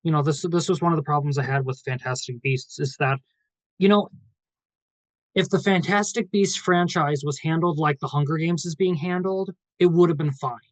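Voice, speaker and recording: A podcast co-host in a casual chat who drops sassy, emphatic remarks. The voice sits at a middle pitch. The sound is dry and close. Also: normal speed, dry recording, poor audio. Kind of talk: casual group discussion.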